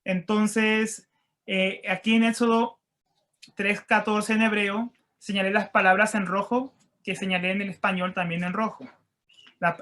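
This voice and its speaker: A man teaching a Bible lesson online and walking listeners through slides. He reads verses and Hebrew words slowly and carefully, stressing and repeating key phrases in a measured teaching voice. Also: high voice, sharp tone. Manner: slow, deliberate reading of scripture and Hebrew words.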